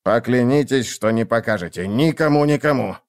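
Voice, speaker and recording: A man's voice: mid-range voice, moderate pace, no room sound, clean studio sound, close to an everyday voice. A man voicing a frightened, pleading quartermaster who whines in an audiobook. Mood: pleading fearful. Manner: whining, pleading. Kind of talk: audiobook character voice.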